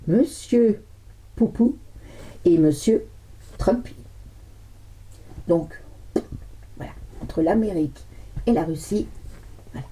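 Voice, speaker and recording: A woman's voice: medium pitch, mellow, breathy edge. A woman tarot card reader chatting casually, rambling with many restarts and joking asides. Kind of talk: casual chat.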